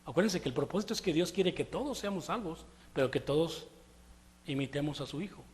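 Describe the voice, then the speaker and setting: Casual preacher, male, lively with his congregation, recorded in a reverberant church hall. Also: fairly high pitch, brisk. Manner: conversational, animated preaching with rhetorical questions. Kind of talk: sermon.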